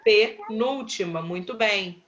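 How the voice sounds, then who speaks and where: Uma professora brasileira dando aula por videochamada, com voz viva e clara. Ela fala bem devagar e repete cada resposta com paciência. O som da chamada chega abafado. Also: female voice, mid-range voice, fairly bright tone, dull audio. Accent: Brazilian Portuguese. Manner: patient, slow, calls on pupils by name and repeats answers. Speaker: primary school teacher. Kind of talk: online class, quizzing pupils.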